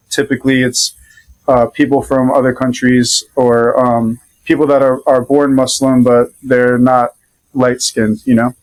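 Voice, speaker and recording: A relaxed Rhode Island man, an adult father, tells casual stories as a podcast guest, drifting along loosely with plenty of pauses. His voice is medium in pitch and a little mellow, captured on a rough recording.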